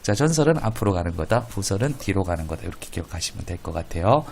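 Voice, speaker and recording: Playful Korean grammar teacher lecturing. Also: male voice, sits low, sing-song. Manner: playful, drawn-out vowel demonstrations, frequent checking questions.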